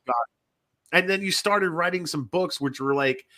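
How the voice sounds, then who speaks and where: In a slightly high, bright and forceful voice at normal speed, a male podcast host chats casually. He rambles, repeats himself, and swears often along the way.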